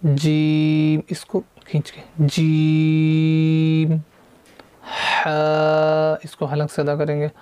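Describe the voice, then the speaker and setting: Male Quran teacher for beginners, mellow and smooth voice, patient, slow drawn-out recitation. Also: a little high, monotone, dry recording. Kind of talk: beginner Quran reading lesson.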